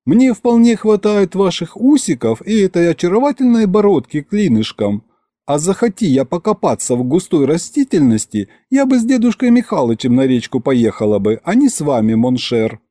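A man voicing a sharp-tongued, haughty young woman in an audiobook. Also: high voice, sing-song, normal speed, dry recording, studio quality, pitched above the performer's own voice. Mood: mocking. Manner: haughty, mocking. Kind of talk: audiobook character voice.

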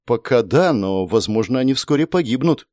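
A man voicing a serene, ageless female spirit who lives in a pendant, speaking melodically and calmly, in a storybook reading. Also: mid-range voice, normal speed, no echo, clean studio sound, lightly acted. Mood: calm, melodic. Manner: melodic, calm, explaining patiently.

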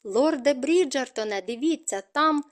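A woman's voice: high voice, expressive, moderate pace, pitched above the performer's own voice. A woman reading the lines of an anxious young woman chasing her dog in an audiobook, calling out with urgency. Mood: urgent.

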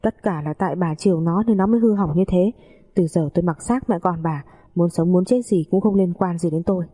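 A woman voicing an enraged, stern father-in-law who shouts rebukes at his son, in a storybook reading. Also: on the low side, a little fast, husky. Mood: furious.

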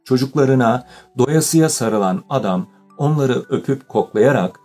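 A man narrating a children's audiobook in a steady, measured storytelling style. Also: medium pitch, faint music behind. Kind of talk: scripted narration.

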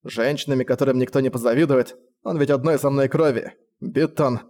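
A sullen, bitter young man, as a male narrator reads him, curt and flat with hardly any expression. The storybook voice sits close to the reader's own. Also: mid-range voice, a little fast, lightly acted.

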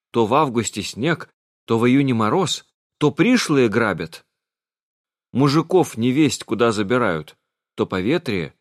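A man reading an audiobook, voicing a fearful old village woman who laments in slow, drawn-out wails. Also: mid-range voice, no room sound, studio quality.

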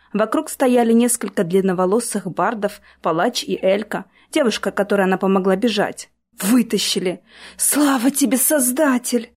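A woman narrating a fantasy audiobook in a steady, even storytelling manner. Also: medium pitch. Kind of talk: scripted narration.

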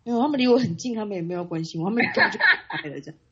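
A woman co-hosting a casual chat, telling her story in a quick, laughing way. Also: mid-range voice, lively intonation, husky. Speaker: podcast co-host. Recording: dull lo-fi sound.

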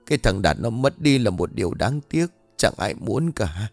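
A man doing a weary, gruff old father. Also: lowish voice, big pitch swings, moderate pace, no room sound, soft background music. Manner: gruff and scolding, tired sighs. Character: weary older father holding the family together.

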